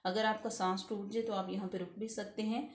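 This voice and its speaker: A woman teaching Quran recitation rules step by step, patiently explaining each letter and then reciting the words slowly. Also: medium pitch, flat delivery, echoey room. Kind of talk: step-by-step tajweed lesson.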